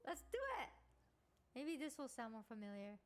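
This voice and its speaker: A young woman streamer chatting casually on a live stream, playful and thinking out loud with giggles. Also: fairly high pitch, expressive, normal speed.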